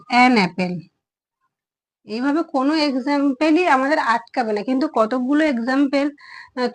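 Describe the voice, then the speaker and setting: Over poor audio, a woman with a high voice teaches children an English grammar lesson. She is patient and explanatory, repeating words and sounding out every vowel.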